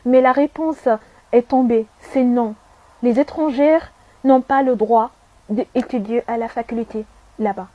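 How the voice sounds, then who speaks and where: Earnest high-voiced woman, dull lo-fi. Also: a little slow, dry recording. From Saudi Arabia. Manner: earnest and emphatic, repeats herself, asks rhetorical questions. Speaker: vlogger giving testimony. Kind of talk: personal testimony to camera.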